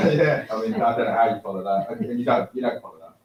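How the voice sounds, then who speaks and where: A man's voice: lowish voice, quick pace, darkish tone, dull audio. A man giving a casual, chatty talk at an event, joking and using fillers. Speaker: event speaker. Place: university studio hall. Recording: echoey hall from far off, noisy.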